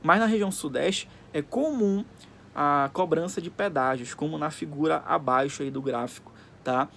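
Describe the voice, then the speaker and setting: Guy teaching class, kinda high and gravelly, faint hiss behind. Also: normal speed, a bit bright. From Pará, Brazil. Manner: explains simply, often checks in with "tá?". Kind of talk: recorded classroom lesson.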